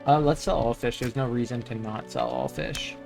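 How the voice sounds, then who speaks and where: A man giving casual gameplay commentary, reading game text aloud and thinking out loud. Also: medium pitch, normal speed, vocal fry. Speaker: gamer. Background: game music.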